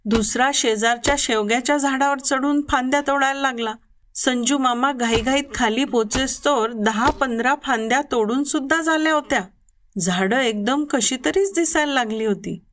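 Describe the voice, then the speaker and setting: Woman storyteller, high voice, expressive first-person children's narration. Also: moderate pace, a little hiss or hum. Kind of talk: reading a children's story aloud.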